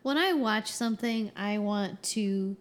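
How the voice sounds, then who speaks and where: Slow, measured young woman. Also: mid-range voice. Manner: measured, thoughtful, hedging. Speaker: podcast panelist. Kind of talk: casual chat.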